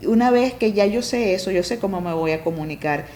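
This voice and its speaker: A middle-aged woman with a warm, mellow voice speaks as a family coach in a relaxed interview. She explains step by step, often checks that her listener follows, and acts out parent-child exchanges with lively jumps in pitch. A faint hiss of background noise sits under her voice. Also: a little fast. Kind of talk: conversational interview.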